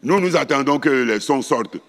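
An older man teaches at a charismatic gathering, telling stories with animated delivery and breaking into chanted syllables. His voice carries a long reverb from a large hall, and his pitch sits mid-range. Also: normal speed. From West Africa. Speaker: preacher.

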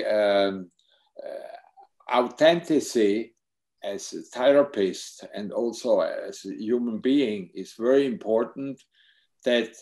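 An older man with a German accent, a psychotherapist who is also a film subject, answers questions on a video call from a home room lined with bookshelves. His medium-pitched, warm voice comes slow and halting as he searches for English words, picked up by a laptop webcam mic.

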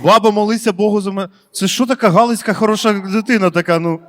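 A man's voice: sits high, steady tone, fast, big-room sound. A male stand-up comedian doing crowd work in a comedy club, chatty and slangy, swearing freely.

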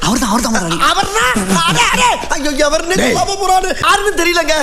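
An actor playing a frantic, excitable comic sidekick in a film scene, with music behind. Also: male voice, extremely high pitch, brisk, full character voice. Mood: flustered.

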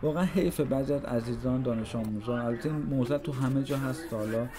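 An Iranian man in his thirties with a medium-pitched voice gives walking tour commentary outdoors, reflective, nostalgic and conversational as he walks city streets. Street noise is clearly audible, with traffic, street ambience and a crowd in the background.

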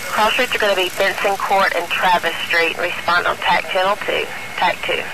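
High-voiced male dispatcher on noisy radio. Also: steady tone, normal speed. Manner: procedural, repeats units and addresses in short phrases. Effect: two-way radio transmission. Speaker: emergency fire dispatcher. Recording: very noisy emergency radio scanner audio.

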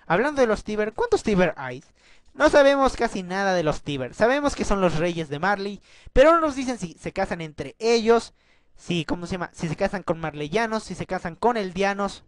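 A casual video commentator with a mid-pitched voice who rambles and thinks aloud. They fire off one rhetorical question after another. The recording is dry and close, with no room sound. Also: lively intonation, moderate pace, no room sound. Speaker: anime commentary youtuber.

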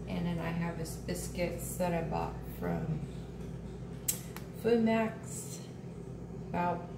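A woman's voice: lowish voice, gravelly. A woman in her thirties casually narrating as she cooks dinner in her home kitchen, thinking aloud with ums and small asides. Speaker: home cooking vlogger. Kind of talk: casual cooking vlog narration. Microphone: camera phone set on the counter, a few steps away. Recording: roomy, distant with loud background noise.

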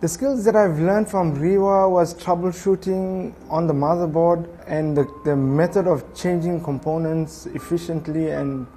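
A man's voice: a little high, fairly even intonation, measured pace, few pauses, dark tone, a little hiss or hum. A man from Botswana giving an articulate interview testimonial in a studio on a lapel mic. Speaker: training course participant. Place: indoor studio with grey backdrop. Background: music bed.

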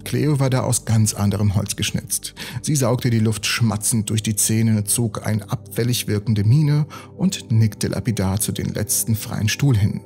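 A man reading a bedtime story as a calm, even storyteller. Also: lowish voice, measured pace, gravelly, few pauses, soft background music. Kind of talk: scripted bedtime story narration.

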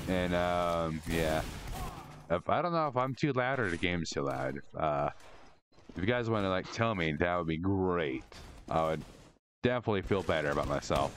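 A man streaming a shooter game live, commenting excitably, swearing a lot and rambling to his chat. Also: deep voice, noisy background. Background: game music.

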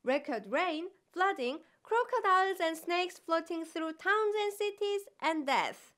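A woman's voice: extremely high pitch, animated, unhurried, fairly bright tone, exaggerated voice. A young woman playing a parody news anchor, a breezily blunt weather girl who delivers clipped, theatrical lists. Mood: breezily dramatic. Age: young adult.

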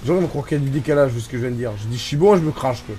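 A man from France giving casual, excitable commentary over his racing game, swearing and mocking himself. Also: mid-range voice, racing. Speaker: gaming YouTuber. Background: game music.

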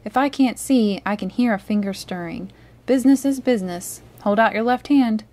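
A woman's voice: a little high, moderate pace, darkish tone, lightly acted. A woman reading a storybook aloud and voicing a sinister old blind male beggar who speaks in a sing-song and turns cold and cruel. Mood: menacing.

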